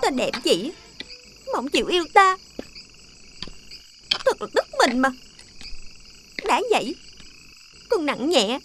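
A woman's voice: high voice, a little hiss or hum, exaggerated voice. A vain, whiny young village girl. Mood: annoyed. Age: young adult. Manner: whiny, expressive. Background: music.

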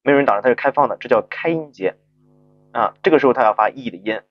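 A man teaching an English phonics lesson, stretching out model pronunciations slowly and often asking rhetorical check-in questions. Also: mid-range voice, no room sound, lo-fi sound. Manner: slow drawn-out model pronunciations between quick explanations.

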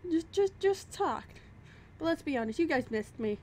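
A woman with a high, expressive, slightly mellow voice chats casually to her viewers at a normal pace while playing a building game. Speaking into a desk microphone at her home computer, she talks to herself as she sorts her items, chatty and self-deprecating.

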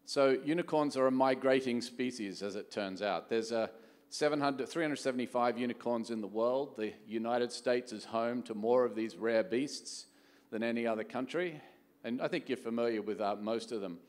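On a large conference hall stage, a middle-aged Australian venture capital executive delivers a keynote conversationally, often posing rhetorical questions. His medium-pitched voice keeps a moderate pace, and the hall sound is echoey with long reverb.

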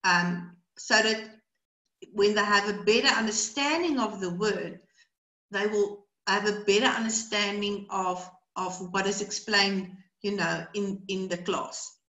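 Over a video call webcam in a small room indoors, a middle-aged South African woman who speaks Afrikaans natively runs a brain training webinar, rambling and full of fillers and repetitions. She speaks at medium pitch and a measured pace with a fairly bright tone. The audio is roomy and dull.

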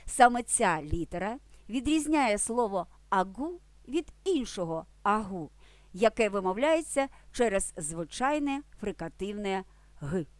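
A woman in a mid-range voice narrates an educational language lesson from a script. She speaks clearly and deliberately and gives key words lively emphasis. The recording is dry and close, with no room sound. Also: medium pitch, no echo. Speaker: language teacher.

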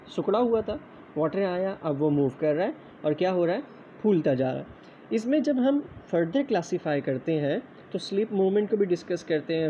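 A man's voice: high-pitched, a little mellow. A man teaching biology in an online lecture, explaining step by step, often asking whether the class follows, and mixing English science terms into his speech. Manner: explains step by step with frequent rhetorical check-in questions. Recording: dull lo-fi online lecture recording with faint background noise.

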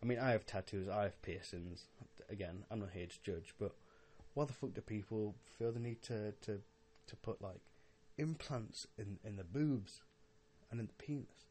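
Slightly drunk, low-voiced young man rambling. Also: darkish tone. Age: young adult. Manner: halting, rambling, with repeated words and swearing. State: a little drunk. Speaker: podcast host. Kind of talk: casual rambling monologue.

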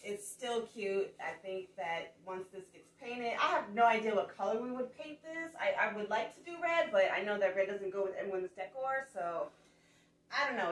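Woman, 30s, chatty and enthusiastic, heard from across an echoey room. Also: medium pitch. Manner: chatty, enthusiastic, calls things cute. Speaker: thrift reseller showing a haul. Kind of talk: casual show-and-tell. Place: living room, indoors. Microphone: far camera. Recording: echoey room, far from mic.

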